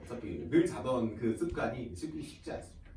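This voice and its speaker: A male high school teacher talking casually to his students, chatty and animated, often acting out students and teachers in quoted asides and laughing along the way. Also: a little fast, a little hiss or hum. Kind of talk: casual classroom talk to students. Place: classroom. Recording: roomy classroom sound from a distant mic.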